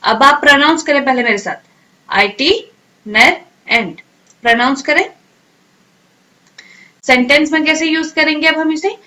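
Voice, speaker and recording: A woman teaching English vocabulary in a drill lesson, asking each question and then answering it, and sounding words out slowly syllable by syllable. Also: high voice, sharp tone, rough recording. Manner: repeats questions and answers, slow drilled pronunciation.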